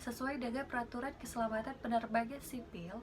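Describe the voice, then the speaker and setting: A woman's voice: on the high side, fairly even intonation, distant mic, noisy background, lightly acted. Woman doing a nasal, formal flight attendant announcement. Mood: formal, poised. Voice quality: slightly nasal, resonant held-belly tone. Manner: formal, measured, breath held in long phrases. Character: female flight attendant making formal cabin safety announcements.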